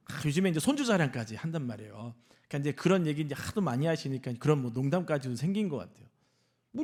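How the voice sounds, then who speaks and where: A male senior pastor preaching a sermon in a church, animated and often asking the congregation questions. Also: high-pitched. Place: church sanctuary.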